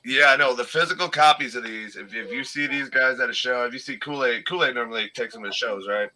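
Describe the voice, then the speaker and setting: Brief: young male podcast host, bright and forceful, casual and profane. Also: medium pitch, fast talker. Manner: loose, profane, laughing banter. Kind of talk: casual live podcast chat.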